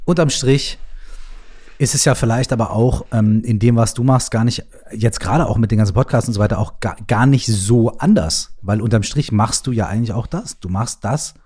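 A man interviewing a guest in a casual chat, asking loose, relaxed questions. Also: mid-range voice, moderate pace, breathy edge.

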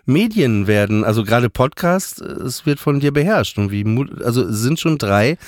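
A man's voice: medium pitch, expressive, normal speed, a little mellow, no echo, studio quality. A man co-hosting a podcast, teasing his partner and cutting in pushily. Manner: teasing, pushy, interrupting. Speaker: podcast co-host. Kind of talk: casual podcast banter.

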